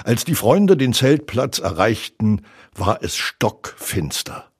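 A man narrating a children's story aloud in a slow, expressive manner. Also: fairly low pitch, slightly rough. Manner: slow, lively storybook delivery.

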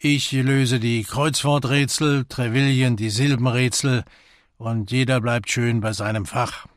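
A gruff old army major who talks in short, clipped statements, as an audiobook reader voices him. His voice stays close to the reader's natural middle pitch, slow and measured. The recording is dry. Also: steady tone, dry recording, lightly acted. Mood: terse. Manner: terse, gruff. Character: older retired army major, gruff and terse.

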